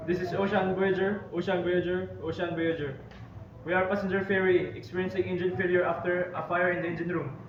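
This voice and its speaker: A man's voice: sits high, background noise, close to an everyday voice. A man playing a ship captain who makes formal marine radio calls, repeating call signs and signing off with "over.". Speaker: ship captain in a role-play. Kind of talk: amateur maritime emergency role-play. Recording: echoey room from far off, dull sound, crowd behind.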